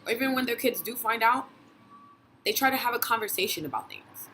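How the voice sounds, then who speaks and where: A woman's voice: a little high, expressive, brisk, pushed and bright, slight background noise, rough recording. A young woman from Brooklyn, giving a passionate, blunt vlog monologue with swearing and frequent laughs. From Brooklyn, New York. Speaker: vlogger and dating blogger. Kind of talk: casual opinion monologue.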